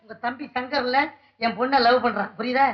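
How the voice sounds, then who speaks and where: A man's voice: extremely high pitch, steady tone, a little fast. An actor playing a cheeky middle-aged shop clerk who talks brash and teasing to his boss, in a 1960s film comedy. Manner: brash, teasing, mock-formal. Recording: dull old film soundtrack.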